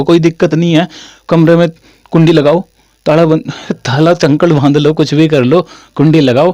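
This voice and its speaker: Young man from Haryana, informal teacher, slightly high voice, dry sound. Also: warm tone, no room sound. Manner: chatty, repeats phrases, calls listeners "brother". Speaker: English teacher. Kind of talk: classroom-style lesson.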